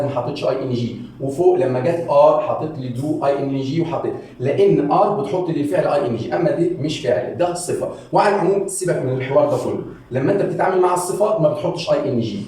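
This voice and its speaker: Egyptian-accented male teacher, slightly high voice, drills slow English phrases, recorded in a very echoey room a little off mic. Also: a little mellow, far from the mic. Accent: Egyptian Arabic. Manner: repeats English phrases slowly, then explains quickly in Arabic. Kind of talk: language lesson for beginners.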